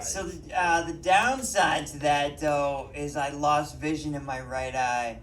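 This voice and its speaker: A Boston man with a matching accent does a rambling, self-mocking stand-up set on a comedy club stage, full of ums. His voice is a little high and a bit bright. The mic is at a distance, the sound is roomy, and there's a little hiss or hum.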